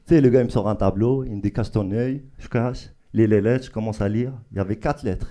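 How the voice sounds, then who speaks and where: Mellow man telling a stand-up story. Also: on the low side, fast talker. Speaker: stand-up comedian. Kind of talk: stand-up routine. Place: comedy club stage.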